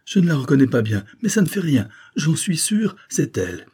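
A man's voice: fairly high pitch, big pitch swings, normal speed, warm tone, husky, voice pushed up, full character voice. Man as fretful comic detective, raised and theatrical. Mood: frantic. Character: anxious, excitable comic male detective.

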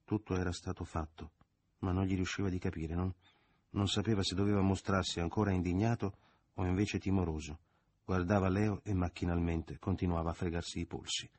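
A man narrates a novel in a low, husky voice, measured and dramatic, sometimes sinking almost to a murmur. The sound is close and dry, with no room around it. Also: steady tone, darkish tone, dry recording. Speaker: audiobook reader.

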